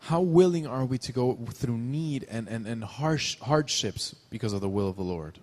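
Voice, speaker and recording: A man's voice: mid-range voice, animated, a little slow, darkish tone. A man interpreting a sermon live, phrase by phrase, with occasional restarts.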